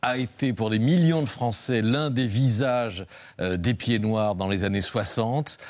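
A man hosting a TV talk show. He speaks at a measured pace in a mid-range voice as he introduces a segment. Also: medium pitch.

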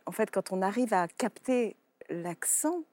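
A woman author talking in a lively, playful way on a TV talk show, often repeating words. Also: medium pitch, unhurried, dry recording. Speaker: author guest. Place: TV studio.

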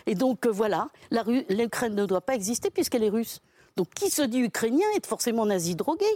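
A woman's voice: on the high side, lively intonation, brisk, warm tone, dry recording. A woman guest in a studio debate, speaking emphatically and thinking aloud with frequent restarts. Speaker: guest commentator.

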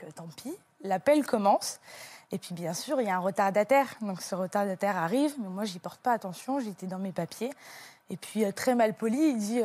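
A young woman guest on a TV talk show, telling a personal story with lively acted-out quotes. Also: mid-range voice, no room sound.

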